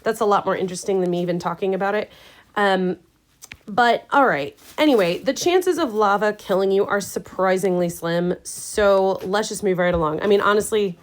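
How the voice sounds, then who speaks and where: A woman's voice: medium pitch, moderate pace, low-quality recording. A woman science teacher giving a casual, chatty recorded lecture full of wry asides and fillers. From Indiana, US. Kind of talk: recorded class lecture over slides.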